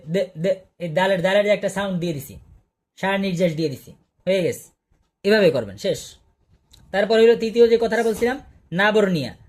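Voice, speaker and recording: Man, Quran recitation teacher, online class, patient, repeats sounds, asks the class questions, video call audio. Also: sits high.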